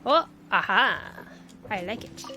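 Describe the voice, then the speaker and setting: A woman with a mid-range, bright, forceful voice narrates her video game livestream slowly and expressively. Her casual commentary is sprinkled with playful exclamations and quaint interjections over game music.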